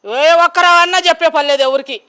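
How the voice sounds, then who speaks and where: A woman's voice: sits high, quick pace, pushed and bright. A woman from Andhra Pradesh answering a street interviewer, talking in a defiant, sarcastic and argumentative way. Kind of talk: street vox-pop interview.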